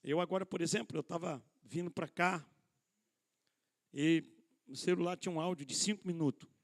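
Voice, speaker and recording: Speaking at normal speed in a voice on the high side, a middle-aged male pastor gives a conversational sermon in a church hall during a church conference. He calls everyone brothers, throws out rhetorical questions and jokes at his own expense.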